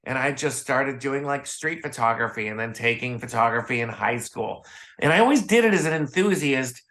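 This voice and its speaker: Guesting on a podcast, a man from Chicago, United States, trades easygoing stories in an American accent, voicing the quoted lines himself. His voice is medium-pitched and a bit bright, with lively intonation at a moderate pace.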